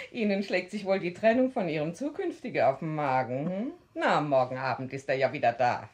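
A nosy village neighbour chatters and teases in a 1960s radio drama. Her pitch swoops up and down in lively turns. She sounds gossipy and prying. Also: moderate pace. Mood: chatty teasing.

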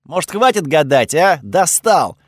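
A man voicing a snarky, sharp-tongued male god spirit in an audiobook, curt and sarcastic, with a lively swinging pitch and a dry close sound. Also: normal speed, no room sound, natural voice. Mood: irritated. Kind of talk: audiobook character voice.

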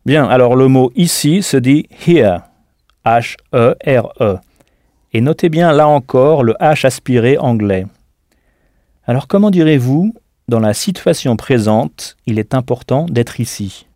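A man's voice: mid-range voice, animated, measured pace, dark tone, no room sound, clean studio sound. A man teaching a recorded audio language lesson, patiently spelling out words letter by letter and prompting the listener to answer.

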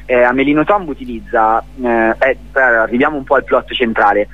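An Italian man, speaking as a theatre director in an unscripted radio interview, hesitates and repeats words while hunting for the right phrasing. His voice sits in the mid-range, and the audio is dull but free of echo.

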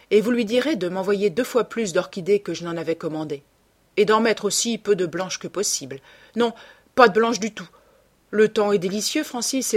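A woman reading an audiobook voices a charming, cold young gentleman who gives orders quickly and lightly. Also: mid-range voice, lightly acted. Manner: brisk, commanding, lightly airy.

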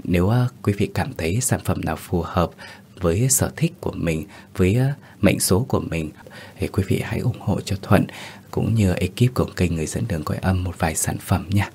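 Man, deep low voice, story narrator, steady measured delivery, scripted horror tale. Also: creaky, slight background noise. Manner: steady, measured storytelling with hesitant asides in the intro. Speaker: host and narrator.

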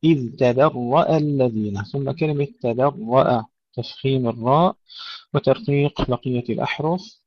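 A man teaching Quran recitation, moving between slow, melodic chanting of verses and brisk explanations of pronunciation. His voice sits at a middle pitch. The recording is dry and dull, lo-fi. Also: dry recording. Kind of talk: tajweed lesson, recitation then explanation.

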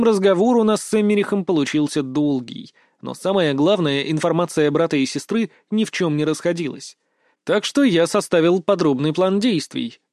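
A man narrating a first-person fantasy story in a steady, even storytelling read. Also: on the high side, dry recording, clean studio sound. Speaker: audiobook narrator.

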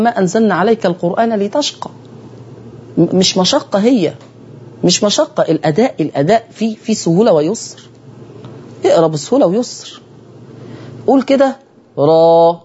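A man's voice: sits high, a little mellow, slightly rough, dull audio. A man with an Egyptian accent teaching Quran recitation on a broadcast lesson, speaking straight to his listeners and repeating key phrases.

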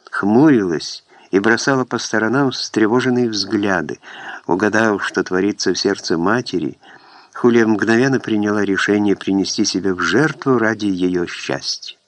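Man reading an audiobook, lowish voice, dead dry sound, steady measured delivery. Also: dry recording. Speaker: audiobook reader. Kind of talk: scripted narration.

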